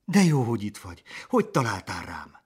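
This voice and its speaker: A man's voice: fairly low pitch, huge pitch swings, husky, full character voice. A man voicing an eager young lion cub in a storybook reading, calling out in a raised voice.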